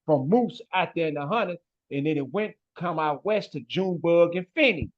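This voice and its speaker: Guy, forceful talker, says man a lot, kinda high voice, muffled audio. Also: lively intonation, moderate pace. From west side of Chicago. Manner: emphatic, ends phrases with "man" and "bro". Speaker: guest. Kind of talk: casual interview talk.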